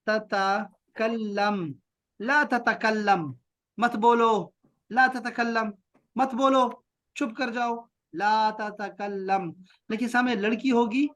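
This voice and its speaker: Speaking on a video call, this Pakistani man leads children through an online Arabic class with a very high, fairly bright voice. He repeats short phrases slowly and patiently, offering frequent praise.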